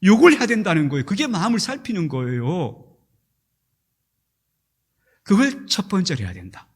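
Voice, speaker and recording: A man's voice: high voice, sing-song, normal speed, breathy edge. A middle-aged male pastor preaching a sermon in a church, telling stories and acting out angry outbursts.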